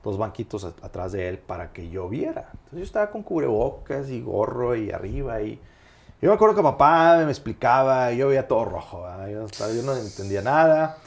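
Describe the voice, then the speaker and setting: Man, middle-aged surgeon guest, easygoing rambling anecdotes, mid-pitched voice. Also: big pitch swings, a little fast, vocal fry, a little mellow. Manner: rambling storyteller with frequent fillers. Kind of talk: casual podcast interview.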